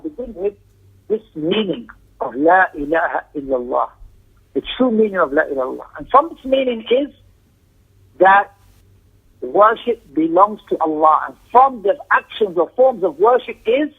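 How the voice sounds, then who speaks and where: A religious teacher with a fairly high, gravelly voice gives a very animated Islamic lecture at a moderate pace, pausing often. He emphatically repeats key phrases as he explains a text, and the audio is thin and tinny, as if over a phone.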